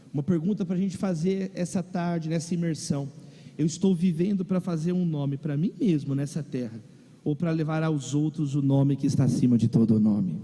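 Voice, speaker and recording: Preaching to his congregation with a Brazilian Portuguese accent, a male pastor tells a comic personal story as part of his sermon. His voice is fairly high and mellow, and the long reverb of a large church or auditorium surrounds it.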